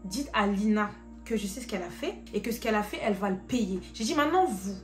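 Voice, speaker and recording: A woman's voice: mid-range voice, fast talker. A woman in her twenties telling her personal faith testimony as a vivid story, acting out each exchange of dialogue. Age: 20s. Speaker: testimony vlogger. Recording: roomy sound with faint music.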